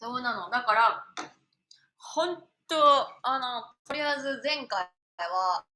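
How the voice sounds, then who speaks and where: Lively bright-voiced woman from Japan. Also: fairly high pitch, slow pace. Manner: animated, chatty, laughs often. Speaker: singer and live streamer. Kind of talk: casual live-stream chat.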